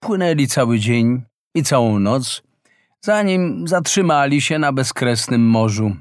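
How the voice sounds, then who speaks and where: A man reading a fairy tale aloud as a slow, expressive storyteller in a close, dry recording. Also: medium pitch, no room sound. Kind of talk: scripted fairy-tale narration.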